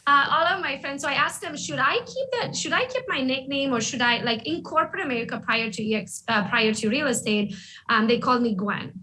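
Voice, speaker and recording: Lively, candid woman with a raised voice. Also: high-pitched, fairly quick, poor audio. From Romania. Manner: candid and lively, often adding "right?". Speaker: guest, real estate agent. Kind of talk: casual interview talk.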